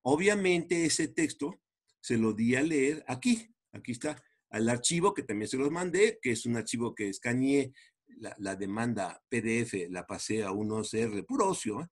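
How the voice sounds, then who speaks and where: A man, chatting his way through a coding demo as an instructor, animated and full of restarts. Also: mid-range voice, normal speed. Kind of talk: casual screen-share coding walkthrough.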